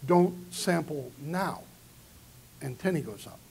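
Giving a keynote in a large hall, a man lectures earnestly and fields questions from the audience. His voice is fairly high, with lively intonation, a slow pace, and a creaky, slightly mellow, husky texture. The sound comes from a far-off camera out in the audience.

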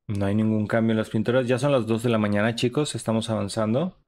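A man's voice: fairly low pitch, quick pace, a little mellow. A young man, giving chatty, upbeat running commentary while streaming a horror game. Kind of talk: live gaming stream commentary.

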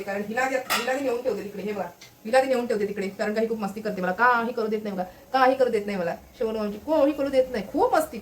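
A woman's voice: a little high, slight background noise, rough recording. Chatty woman vlogging from her kitchen. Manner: chatty, keeps urging viewers to look. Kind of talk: casual home cooking vlog. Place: home kitchen. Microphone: handheld phone.

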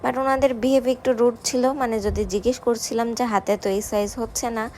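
A woman calmly recounting her day in a vlog voice-over. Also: a little high, fast, a little hiss or hum. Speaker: vlogger. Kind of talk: voice-over narration.

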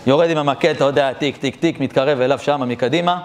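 A man, a rabbi, telling a story in a sermon, animated and talking directly to his listeners. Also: mid-range voice.

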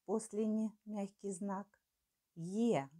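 A woman's voice: medium pitch, steady tone, slow, warm tone. An older woman teacher dictating a spelling test to schoolchildren word by word, articulating carefully. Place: small furnished room with curtains, indoors.

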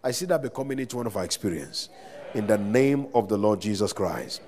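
A man's voice: lowish voice, lively intonation, brisk, a little mellow. A man preaching a sermon as pastor, calling out to the congregation between scripture readings, recorded live in a large church hall. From Nigeria. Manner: preaching with rising calls to the congregation. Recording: long hall reverb.

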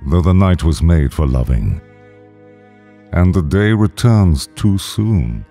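A man giving a solemn poetry recitation with grave, measured phrasing. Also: low-pitched, sing-song, dark tone. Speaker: poetry reader. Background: faint string music.

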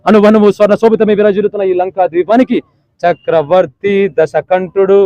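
A man's voice: sits high, fairly even intonation, dark tone, dry recording, natural voice. A man playing a boastful demon king. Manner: slow grand declamation. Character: arrogant mighty demon king boasting of his power. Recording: dull lo-fi recording.

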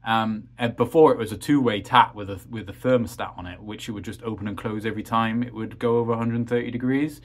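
Rambling low-voiced man in a crawl space. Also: fairly even intonation, quick pace, few pauses. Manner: rambling, many ums and uhs, plain practical talk. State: out of breath after crawling. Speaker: homeowner showing his heating system. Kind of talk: casual walkthrough vlog. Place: cramped crawl space and utility room.

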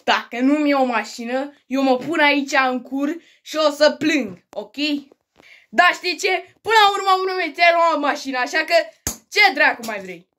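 A woman acting out a family comedy sketch, quick and bickering, with frequent swearing. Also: sits high, lively intonation, bright, forceful tone. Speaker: sketch comedian playing several family roles.

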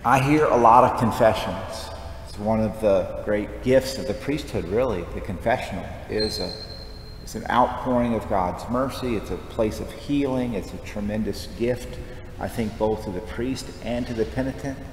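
A man with a lowish voice preaches a conversational homily at a moderate pace from the lectern of a large church. He uses a headset mic, and the recording has the long reverb of an echoey church plus background noise.

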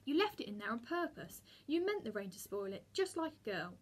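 A woman's voice: fairly high pitch, very animated, brisk, slightly rough. Woman doing a furious, proud schoolboy. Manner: shouting indignantly.

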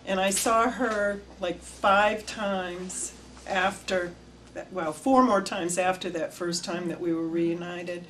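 A woman's voice: fairly low pitch, a little hiss or hum. An older woman reminiscing in an interview, telling her story animatedly. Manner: animated storytelling, gestures with hands. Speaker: oral history interviewee. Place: indoor room before flags.

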